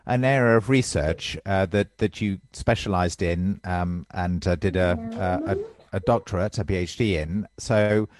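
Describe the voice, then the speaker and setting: A man leading an interview who asks questions haltingly, with many fillers. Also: low voice, background noise.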